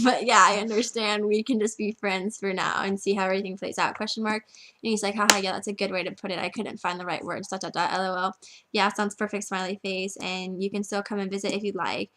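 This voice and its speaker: A teenage girl tells a long story to a friend in a loose, rambling way. She keeps repeating "like" and slips into quoting what people said. Her voice sits in an ordinary middle pitch. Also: fairly bright tone. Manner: chatty, constant "like" filler. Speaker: vlogger.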